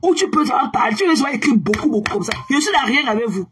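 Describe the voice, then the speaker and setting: A woman ranting angrily on her own livestream, taunting viewers with repeated mocking questions and bursts of shouting. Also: high-pitched, very animated, quick pace, background noise. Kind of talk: angry livestream rant at viewers.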